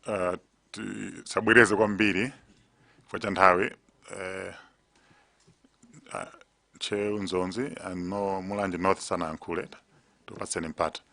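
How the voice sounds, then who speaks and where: A man's voice: sits low, fairly even intonation, a little slow, creaky, pauses often, sharp tone, no room sound. A Malawian man acting as committee chair, formally moderating a hearing and directing who speaks.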